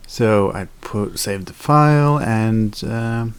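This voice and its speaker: A man's voice: on the low side, slow, clear, resonant tone. A young man chatting casually in a daily vlog, rambling with fillers and self-corrections. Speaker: video blogger.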